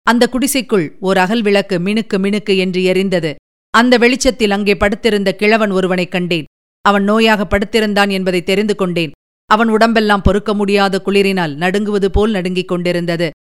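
A woman narrating a novel in a measured, deliberate storytelling manner. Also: medium pitch, steady tone, clear, resonant tone. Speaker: audiobook narrator.

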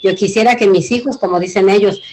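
A mature woman with a Mexican accent presents her culture informally. Her pitch sits in the middle, and her phrasing is earnest, homely and meandering. A little noise sits behind her voice. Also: fairly even intonation, fast, a little mellow, poor audio. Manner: rambling, colloquial, earnest. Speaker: invited community leader.

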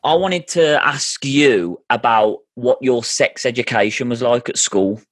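A man's voice: mid-range voice, unhurried, a bit bright, no room sound, studio quality. A man in his thirties hosting a casual family chat, earnest and often restarting his sentences. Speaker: podcast host.

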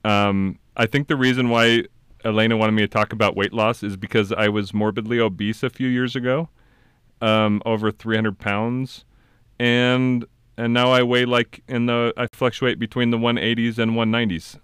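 Man, podcast host, casual chat, smooth late-night radio voice, resonant, dry close sound. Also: mid-range voice, moderate pace, no echo. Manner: relaxed, talks in long explanations with fillers and restarts. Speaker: podcast host and class instructor.

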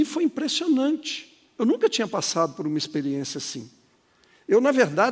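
A man's voice: sits high, husky. A man, preaching a sermon and telling a story in a dramatic, swooping way, heard in a long reverberant hall. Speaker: pastor.

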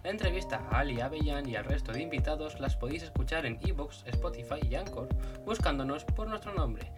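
A man hosting a podcast interview, asking relaxed, joking questions. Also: on the high side, fairly quick, loud music behind the voice. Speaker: podcast host.

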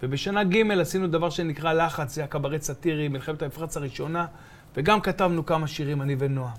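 High-voiced man telling lively stories. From Israel, from Be'er Sheva. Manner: animated, acts out voices and sounds. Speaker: guest, comedian and TV presenter. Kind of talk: casual interview storytelling.

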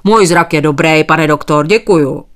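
A woman's voice: deep voice, close to an everyday voice. Woman doing a stubborn old farmer man. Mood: polite, evasive. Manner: politely evasive, keeps thanking. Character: stubborn old male sheep farmer, polite.

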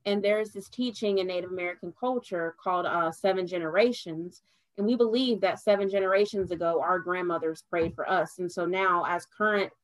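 A young adult woman appears as a podcast guest, speaking earnestly in a relaxed conversation and becoming animated whenever she laughs. Her voice is mid-range, with no echo, though the audio quality is poor.

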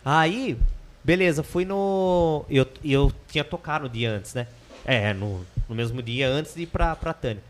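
A man's voice: on the high side, a little slow. A man with a Brazilian Portuguese accent from the São Paulo interior, telling a casual, slangy, digressive anecdote as a podcast guest. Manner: colloquial, slangy, digressive storytelling.

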